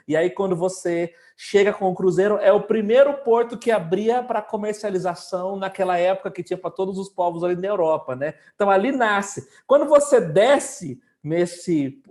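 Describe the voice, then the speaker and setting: A man's voice: high voice, darkish tone. A man talking about entrepreneurship in a casual interview, telling a travel story with many fillers. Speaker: guest entrepreneur.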